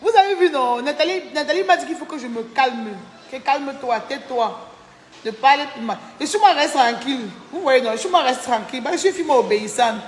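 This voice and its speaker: Speaking briskly in a high voice, a tired woman on a live stream reads viewer names aloud in thanks and chats indignantly about a falling-out. The sound is reverberant with a long tail, plus slight background noise.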